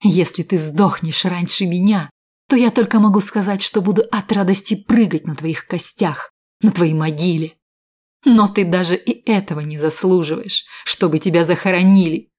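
A woman voicing a furious, battered woman who shouts curses through clenched teeth. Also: lowish voice, moderate pace, close to an everyday voice.

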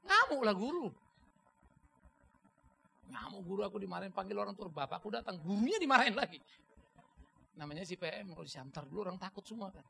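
Brief: middle-aged male pastor from North Sumatra, gravelly voice pitched a bit high, emphatic storyteller. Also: rapid-fire, few pauses, rough recording. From North Sumatra, Indonesia. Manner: animated, emphatic storytelling that swings between loud outbursts and quiet reflection. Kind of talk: sermon with personal storytelling. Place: church.

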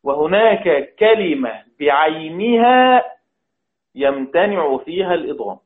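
A man's voice: on the high side, animated. Man teaching recitation over tinny audio. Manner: repeats each phrase, chants verse quotes slowly. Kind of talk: religious lesson.

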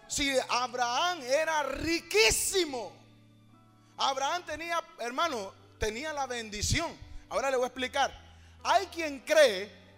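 A man preaching a sermon with fervor, calling out to his congregation and at times singing or shouting his phrases. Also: extremely high pitch, in a large hall. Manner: fervent, calls to the congregation, sings and shouts phrases.

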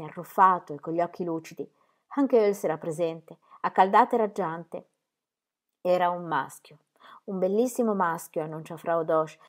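A woman reading a novel aloud in a measured, expressive way. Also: lowish voice. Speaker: audiobook reader.

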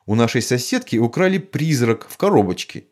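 A stern, sharp-tongued mother who snaps out her lines with dry sarcasm, as a male audiobook narrator puts her on. Her voice sits well above his own and swings widely from phrase to phrase. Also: mid-range voice, very animated, fairly quick, pitched above the performer's own voice, lightly acted. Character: strict decisive mother, middle-aged woman.

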